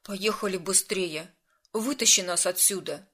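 A woman's voice: medium pitch, normal speed, fairly bright tone, lightly acted. Woman doing a flustered young man. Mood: urgent. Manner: grumbling and defensive.

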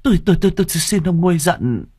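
A man's voice: lively intonation, fast talker, a little mellow, slightly rough, no room sound, clean studio sound. A man voicing a frantic middle-aged village mother who wails, stammers and pleads. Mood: tearful pleading. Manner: shrill, stammering, pleading cries.

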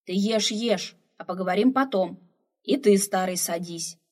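A woman's voice: mid-range voice, measured pace, darkish tone, natural voice. A woman reading the part of a huge, kindly old female slave cook who fusses and sighs over a runaway girl. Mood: warm bossy. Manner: fussing, motherly, sighing.

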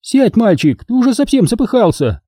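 A man's voice: very high-pitched, sing-song, normal speed, dark tone, husky, no room sound, clean studio sound, pitched above the performer's own voice, full character voice. A man reading the part of a bossy, busy woman in an audiobook, who scolds and orders people about. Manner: scolding, commanding.

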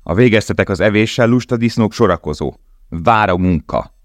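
A man voicing a brutal, scornful prisoner foreman who shouts commands. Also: deep voice, expressive, dry recording, studio quality, pitched above the performer's own voice. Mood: harsh shouting.

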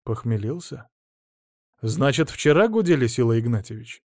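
A man voicing a calm, ironic police detective who speaks quietly. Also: mid-range voice, normal speed, no room sound, clean studio sound. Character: calm, dry-witted male police detective.

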